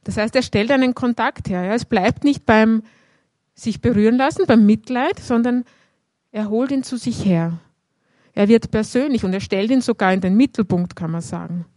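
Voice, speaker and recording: A woman's voice: fairly high pitch, normal speed, warm tone, dry recording. A woman giving a conversational sermon, often adding a questioning "ja" as she explains a Bible passage. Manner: conversational, frequent "ja" tags. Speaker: preacher.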